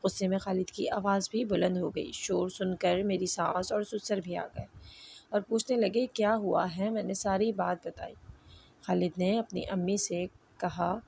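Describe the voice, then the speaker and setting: A woman narrating an emotional first-person story in an even, measured way. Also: mid-range voice, vocal fry, slight background noise.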